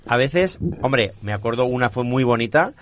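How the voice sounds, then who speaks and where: Animated, laughing man. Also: medium pitch, normal speed, a little hiss or hum. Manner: animated storyteller, laughs often. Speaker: stand-up comedian and guest. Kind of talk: casual interview chat.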